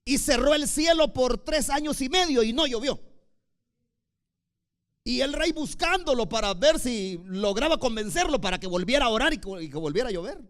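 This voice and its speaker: Un predicador de voz aguda y muy expresiva que sube y baja el tono con gran movimiento. Alterna proclamaciones fuertes con comentarios casi en voz baja, en un sermón apasionado. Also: male voice, very high voice, expressive, normal speed. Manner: emphatic, swings between loud declarations and soft asides. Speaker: preacher. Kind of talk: sermon.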